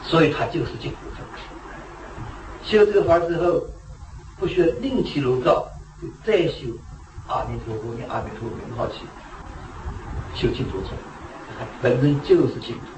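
A man's voice: medium pitch, normal speed, pauses often. Man giving a Buddhist talk from far off. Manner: storytelling, asks rhetorical questions. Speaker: Buddhist teacher. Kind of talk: dharma talk. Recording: echoey room, distant mic, noisy.

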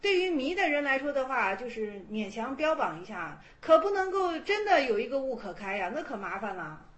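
A woman lectures on Chan Buddhist texts in a loose, conversational style, asking her listeners rhetorical questions and acting out the quotes. Her voice is high and swings widely in pitch. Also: very animated, fairly quick, a bit bright. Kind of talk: colloquial lecture.

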